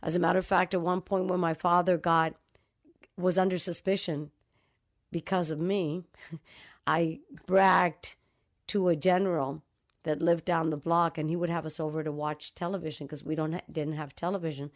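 Level in tone and moderate in pace, her low-leaning voice guides reflective, storytelling interview answers. The speaker is a novelist from the Dominican Republic who is thoughtful and acts out dialogue she remembers.

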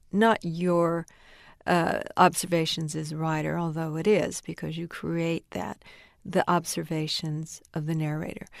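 A woman's voice: fairly low pitch, gravelly, darkish tone, no room sound, clean studio sound. A woman novelist answering interview questions in a reflective, thoughtful way. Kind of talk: interview conversation.

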